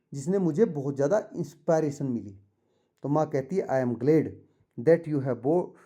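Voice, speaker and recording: Slow, careful Indian tutor with a dark tone. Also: male voice, on the high side. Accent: Indian English. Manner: reads English lines slowly then explains in Hindi; addresses students directly, patient. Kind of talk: bilingual textbook explanation for students.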